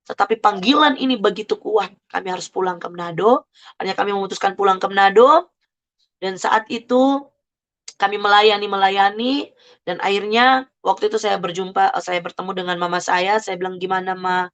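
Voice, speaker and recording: A woman's voice: medium pitch, a little fast, muffled recording. A woman telling her conversion story as an emotional church testimony, fervent and exclaiming with frequent praise words.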